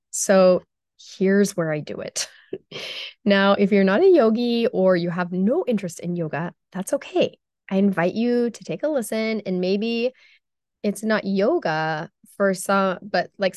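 Woman host, hoarse voice, casual and chatty, dry close sound, mid pitch. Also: a little mellow, dry recording. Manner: chatty and upbeat, with fillers like "um" and "like". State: hoarse, recovering from lost voice. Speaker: podcast host and health coach. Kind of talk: casual solo podcast talk.

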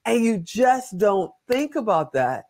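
A male interview host with a notably high voice, talking in a loose, chatty way. He wanders around his questions and slips in jokes as he goes. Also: sing-song, measured pace, a little mellow. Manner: chatty, rambling, jokey. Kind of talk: casual interview talk.

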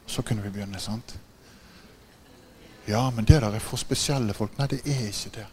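Lively, low-voiced man preaching. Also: a little hiss or hum. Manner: keeps asking listeners "right?"; laughs often while telling stories. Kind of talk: sermon with animated storytelling.

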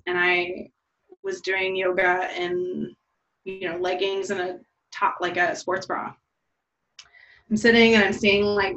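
A woman's voice: medium pitch, pushed and bright. Candid, swearing woman in casual chat. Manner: candid and profane, says "like" often. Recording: slightly dull lo-fi sound.

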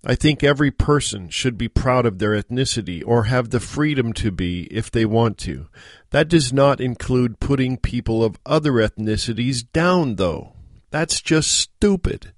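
A middle-aged American man hosting a solo podcast, speaking in an earnest, measured, exhorting monologue. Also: mid-range voice, expressive, dry recording, studio quality. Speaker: podcast host. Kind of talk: solo monologue on self-improvement.

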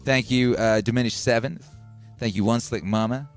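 A middle-aged man from Wales with a Welsh and Birmingham accent, hosting a live stream in a casual, excitable way, swearing and thanking viewers by name. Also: mid-range voice, moderate pace, faint music behind.

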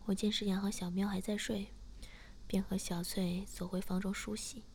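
Soft, half-whispered woman storyteller. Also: medium pitch, flat delivery, moderate pace, slight background noise. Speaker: story reader. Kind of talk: first-person story narration.

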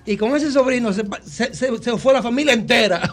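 A man with a Dominican accent and a fairly high voice tells his story as a radio guest. He talks in an animated way and often stumbles and repeats himself as he restarts a sentence. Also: brisk. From Dominican Republic. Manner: animated, many restarts and repetitions. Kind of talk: casual storytelling interview.

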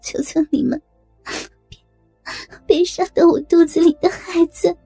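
A woman's voice: very high-pitched, fairly even intonation, measured pace, warm tone, no echo, soft background music, voice pushed up. A woman voicing a terrified pregnant young woman who begs in a trembling voice. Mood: pleading. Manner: trembling, begging.

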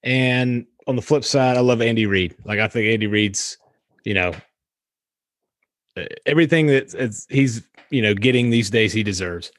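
A man's voice: mid-range voice, moderate pace, no room sound, studio quality. A man in a casual sports chat with friends, laid-back and teasing. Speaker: podcast co-host.

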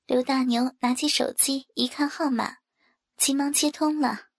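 High, gravelly woman reading a story. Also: steady tone, unhurried. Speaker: audiobook narrator. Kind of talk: first-person story reading.

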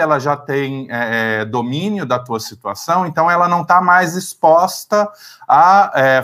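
Um homem terapeuta com sotaque brasileiro, explicando conceitos com calma numa entrevista, com algumas hesitações. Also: male voice, a little high. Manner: calm, explanatory, with hesitations. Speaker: therapist, psychodrama guest. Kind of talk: explanatory interview talk.

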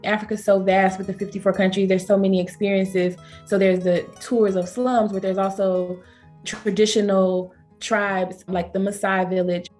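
A woman with a Southern accent tells travel stories in an easygoing interview. She leaps up in pitch to act out what others said, keeping the talk lively. Soft music plays faintly behind her. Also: moderate pace. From Georgia, USA. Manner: animated, acts out quoted speech with pitch jumps. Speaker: travel company founder, interview guest. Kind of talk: conversational storytelling interview.

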